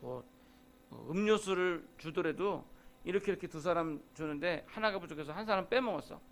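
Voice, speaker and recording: A man's voice: fairly high pitch, fairly quick. A man preaching a Sunday sermon as pastor, talking conversationally and acting out quoted grumbles from everyday life. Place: church sanctuary.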